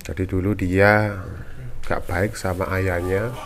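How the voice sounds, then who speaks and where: A man from the audience asking a preacher a question, speaking briskly and plainly. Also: sits low, level tone.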